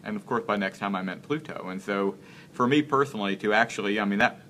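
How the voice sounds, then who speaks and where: A man in his thirties appears as an interview guest in a casual live-stream chat, speaking earnestly and haltingly while he searches for words. His voice is lowish with a fairly bright tone, and there's a little hiss or hum.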